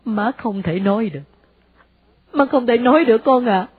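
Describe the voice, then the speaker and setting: A woman with a Southern Vietnamese accent voicing an anguished, devout older mother who implores her son, in a husky voice. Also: a little high, normal speed, dry recording, phone-quality sound. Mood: pleading. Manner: imploring, sighing exclamations.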